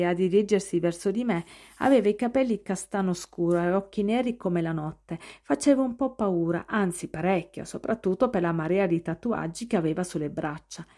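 A woman narrating a novel in the first person with expressive storytelling. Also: on the low side. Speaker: audiobook narrator.

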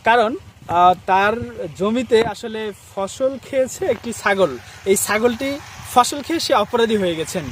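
A high-pitched man narrates a casual explainer to his viewers, pausing often on long fillers. The recording is made outdoors, and clear background noise runs under his voice. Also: a bit bright. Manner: halting, with many drawn-out "uh" fillers. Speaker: video host addressing viewers.

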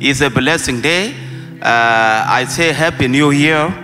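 A man from Sudan, a pastor speaking slowly with halting pauses. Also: on the high side, bright, forceful tone, long reverb tail. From South Sudan. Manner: slow, halting, with many pauses. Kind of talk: thankful speech.

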